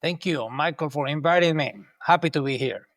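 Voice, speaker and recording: A man's voice: on the high side, fairly quick, fairly bright tone, no room sound. A man from Colombia in his sixties, answering interview questions in a rambling way with many ums and restarts. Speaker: guest, urban planner.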